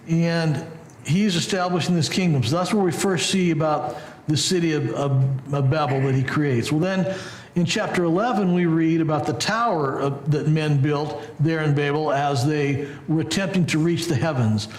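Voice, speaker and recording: A man's voice: on the high side, moderate pace. A man leading a group Bible study in a conversational way, with restarts. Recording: echoey room with faint hiss.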